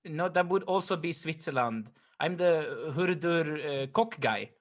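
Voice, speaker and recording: A man voicing a bumbling tourist cook with an exaggerated mock Swedish accent, talking in halting, stammering bits. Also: on the high side, expressive. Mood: earnest. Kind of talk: improvised comedy interview.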